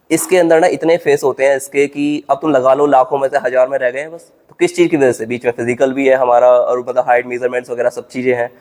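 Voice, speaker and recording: A young man speaks rapidly, in a brisk, informal way, addressing his viewers directly as if coaching them. His pitch sits in an ordinary middle range. He is recording a casual advice vlog from inside a gym. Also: darkish tone. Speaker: exam coaching YouTuber.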